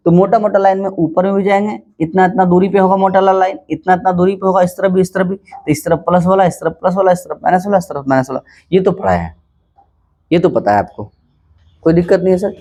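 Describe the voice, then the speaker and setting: A man teaches school maths in an easygoing classroom style, taking his time over each step. He keeps putting questions to the class and then answering them himself. His voice sits a little high for a man. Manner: calm, unhurried, asks and answers his own questions. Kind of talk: casual classroom maths lesson.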